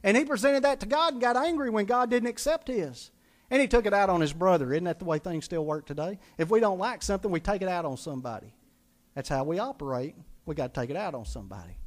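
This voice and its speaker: High-voiced emphatic preacher man. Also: expressive, fast. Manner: emphatic, repetitive rhetorical questions. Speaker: pastor. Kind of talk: sermon.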